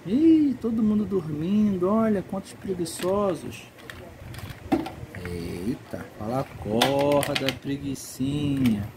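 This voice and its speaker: Sing-song Mineira mom on a noisy home video. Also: female voice, deep voice, animated, takes it slowly. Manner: sing-song, coaxing baby talk with playful scolding. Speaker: mother filming her toddler at play. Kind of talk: casual home video chatter to a child.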